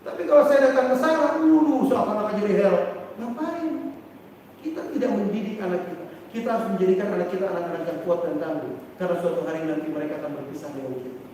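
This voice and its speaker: A man lectures parents in a lively way, throwing questions at the room and playing out little scenes. His voice sits fairly high for a man. He is picked up from a distance in a large hall, with a long reverb tail ringing behind every phrase. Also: fast talker. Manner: animated, acts out parents and children, asks the audience questions. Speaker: Islamic teacher giving a parenting seminar. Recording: distant, very echoey hall with faint noise.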